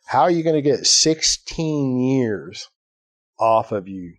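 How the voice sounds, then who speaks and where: An Irish podcast host with a medium-pitched voice and lively intonation tells a story slowly in casual conversation. He acts out quoted voices, takes many asides, and tags lines with "right?", in a dry, studio-quality recording.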